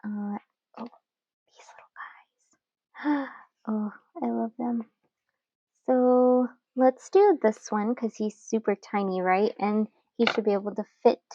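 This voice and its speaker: A young woman chatting casually while she journals at home, relaxed and giggly, with lots of fillers. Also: on the high side, takes it slowly, pauses often, lo-fi sound, slight background noise. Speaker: journaling channel host.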